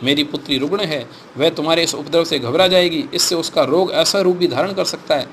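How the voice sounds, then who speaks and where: A man's voice: fairly high pitch, brisk, fairly bright tone, slight background noise. A man voicing an anxious, protective older Brahmin father who speaks urgently in a storybook reading. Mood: pleading. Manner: urgent, pleading.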